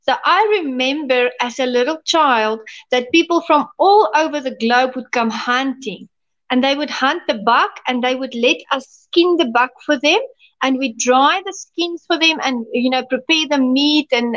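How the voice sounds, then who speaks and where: A South African woman with a South African accent, a pastor appearing as a podcast guest, tells stories in a casual interview. Her high voice is a bit bright and moves at a moderate pace. The highs in the audio are cut off.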